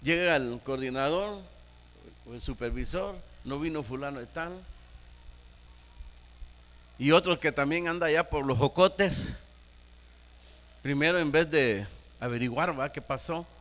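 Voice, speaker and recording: Bright-voiced Nicaraguan man preaching a sermon. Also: on the high side, moderate pace, long reverb tail. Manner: emphatic preaching with rhetorical questions to the congregation. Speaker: pastor.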